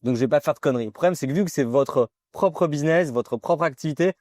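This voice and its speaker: A man hosting a casual interview, talking in a relaxed, chatty way with many fillers and slangy asides. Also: on the high side, fast, dry recording. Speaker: host.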